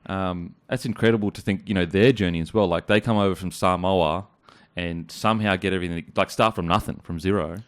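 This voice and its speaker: Man, Australian accent, blokey host, swears, quick talker, deep voice. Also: fairly even intonation. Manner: blokey, swearing, fast and chatty. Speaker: podcast host. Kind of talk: casual interview chat.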